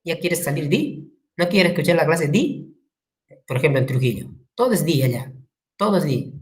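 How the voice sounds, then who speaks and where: Speaking at a normal speed in a low-sitting voice, a Peruvian teacher lectures her class with a Peruvian Spanish accent. She stays lively, performs quotations and poses questions to the students.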